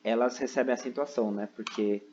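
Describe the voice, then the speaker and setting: A man explains a recorded online lesson step by step from his computer indoors, constantly checking with "né?" and "ok?". He is a teacher whose medium-pitched, slightly mellow voice runs a little fast with fairly even intonation. The recording is muffled and has a little hiss or hum.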